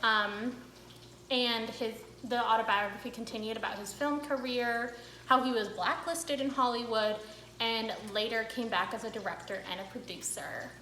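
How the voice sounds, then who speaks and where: A woman's voice: fairly high pitch, fairly even intonation, normal speed, bright, forceful tone, reverberant, slight background noise, low-quality recording. A young woman hosting a cooking vlog, chatting casually to camera with a rambling, filler-filled manner.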